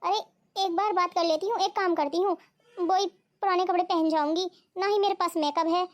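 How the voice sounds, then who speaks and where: A woman's voice: very high voice, fairly even intonation, brisk. A woman voicing a jealous, scheming young wife in a cartoon, who grumbles and whines. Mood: grumbling. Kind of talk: cartoon voice acting.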